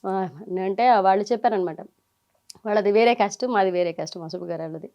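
A middle-aged woman, telling her story as an interview guest in lively bursts and quoting people as she goes. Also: mid-range voice. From Nellore region, India. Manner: animated, quotes people in quick bursts.

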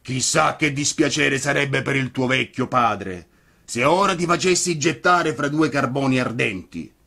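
A man voicing a huge, gruff, bearded puppet master who is soft-hearted underneath, talking in a loud, blustering manner. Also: mid-range voice, measured pace, pitched above the performer's own voice, full character voice.

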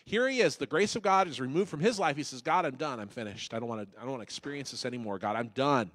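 A male pastor preaching a sermon, dramatic, swinging from loud urging to hushed pleading and acting out quoted voices. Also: mid-range voice, expressive, very fast. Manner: voices God and Jonah in quoted asides.

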